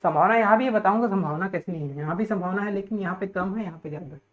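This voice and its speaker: A man's voice: high-pitched, very fast, background noise. A man teaching a class, explaining points step by step, checking in with "okay" after nearly every phrase and putting questions to his students. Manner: repeats "theek hai" constantly, asks students questions. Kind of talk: classroom lecture. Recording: tinny phone-like audio.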